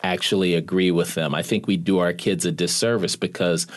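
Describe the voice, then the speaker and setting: A man's voice: deep voice, steady tone, brisk. A man telling a personal story in an interview, now and then quoting his father's words. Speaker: guest recalling his recruitment.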